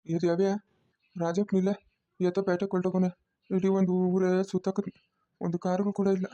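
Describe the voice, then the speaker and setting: Woman doing anxious village husband for a cartoon, low, flat, lo-fi sound. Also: a little fast, no room sound, lightly acted. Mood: worried. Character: worried village husband, plain-spoken.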